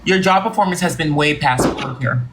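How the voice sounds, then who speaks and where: A live-stream host playing a company boss in improvised comedy, talking in a mock-formal, drawn-out way. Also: mid-range voice, background noise. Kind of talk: improvised comedy role-play with callers.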